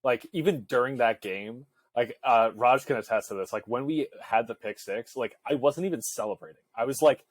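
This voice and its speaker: A man's voice: medium pitch, normal speed, few pauses, dry recording. A young man co-hosting a podcast, telling a rambling story full of fillers and asides in casual chat. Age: young adult. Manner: rambling, filler-heavy storytelling with frequent laughs. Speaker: podcast co-host.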